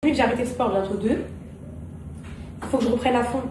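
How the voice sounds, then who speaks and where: A woman chats to her viewers like friends, her voice a bit high and set back from the mic. The room is echoey and noisy around her. It's an easygoing home vlog from the kitchen. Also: fast talker, far from the mic. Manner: chatty, addresses viewers as girls. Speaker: vlogger and mother. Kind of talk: casual vlog chat.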